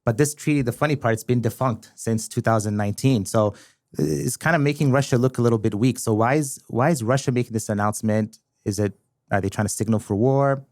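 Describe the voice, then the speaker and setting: A man's voice: mid-range voice, brisk, darkish tone, no room sound, clean studio sound. A man hosting a casual political discussion, asking curious, probing questions. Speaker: host.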